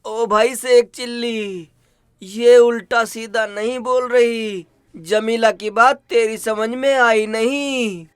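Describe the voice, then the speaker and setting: Brief: level-headed friend, unhurried and smooth. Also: male voice, very high-pitched, steady tone, no echo, clean studio sound. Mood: calm.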